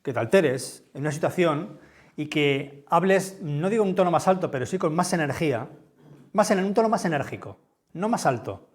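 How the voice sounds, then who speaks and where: A man from with a big, booming voice gives a conference talk in a lecture room, speaking conversationally and often checking in with his listeners. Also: animated, moderate pace. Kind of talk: conference talk with audience questions.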